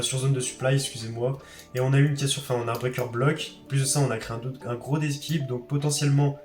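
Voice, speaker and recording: A man's voice: medium pitch, darkish tone, reverberant. A nineteen-year-old man, rambling casually and self-deprecatingly as he backtests trading charts. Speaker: trading vlogger.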